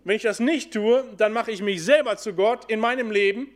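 A man preaching a sermon to a congregation, asking questions and answering them himself, and slowing down when he quotes scripture. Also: sits high.

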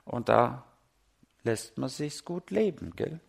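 A middle-aged man from Germany preaching a sermon, telling stories with lively swings between loud and hushed delivery. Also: mid-range voice, slow, creaky, breathy edge. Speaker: pastor.

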